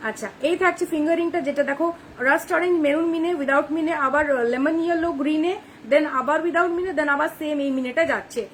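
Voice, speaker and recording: Fast-talking high-voiced young woman. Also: fairly even intonation, slight background noise. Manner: fast, chatty, keeps checking "ঠিক আছে?". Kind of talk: live-stream sales pitch. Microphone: phone camera.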